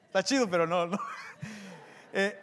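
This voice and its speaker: A man preaching a sermon, telling stories in an animated way with vocal sound effects. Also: high voice, slow pace, big-room sound.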